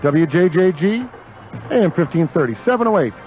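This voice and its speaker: This live local radio host has a high, animated voice at a moderate pace, heard through muffled lo-fi AM sound. His chatter overflows with enthusiastic praise.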